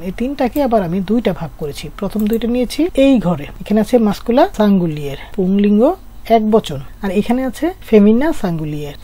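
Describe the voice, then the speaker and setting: Woman, from Bangladesh, French teacher, warm mellow voice, patient explanations, rhetorical questions. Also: mid-range voice. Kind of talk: whiteboard grammar lesson.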